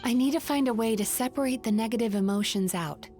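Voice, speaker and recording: Game role: calm, determined young woman played by an actress, slightly high voice, earnest explainer, music behind. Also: fast, close to an everyday voice. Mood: solemn, explaining. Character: calm, resolute young woman who eats nightmares for a living. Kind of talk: video game voice acting.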